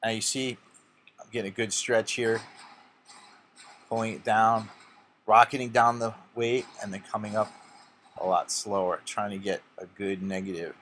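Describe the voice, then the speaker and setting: Low-voiced man coaching a back workout. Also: fairly even intonation, normal speed, pauses often, a bit bright, slight background noise. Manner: instructive, self-mocking. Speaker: bodybuilder narrating his workout. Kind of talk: casual workout voice-over.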